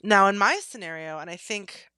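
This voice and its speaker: Woman podcast host, bright and sharp tone, dry close sound, candid and easygoing. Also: medium pitch, normal speed, clear, resonant tone, dry recording. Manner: candid, laughs easily, animated. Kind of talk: casual podcast chat.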